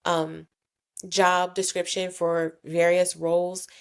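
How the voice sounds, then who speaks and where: A woman in her thirties from South Jersey, USA, a nonprofit founder, appears as a guest on a casual podcast interview, speaking candidly and chattily about her career. Her voice is lowish, flat, slow and smooth, and she often acts out what other people said to her.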